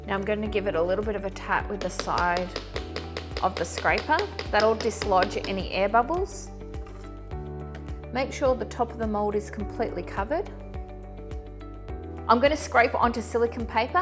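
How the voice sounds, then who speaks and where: A middle-aged woman hosting a cooking demonstration, giving clear step-by-step instructions in an upbeat manner. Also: medium pitch. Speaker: chocolatier host.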